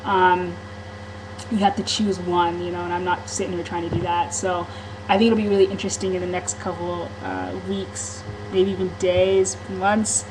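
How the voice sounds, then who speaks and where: A vlogger talks into a camera microphone in a casual personal monologue, her voice a little low with little pitch movement and a moderate pace. She's candid and rambling, full of ums and restarts. Clear background noise runs under the home-video recording.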